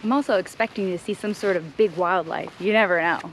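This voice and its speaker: Excitable woman vlogging outdoors. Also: fairly low pitch, fast, rough recording. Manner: chatty and excitable. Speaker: travel vlogger. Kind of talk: casual hiking vlog chat. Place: outdoor wooded trail. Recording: outdoor noise in background.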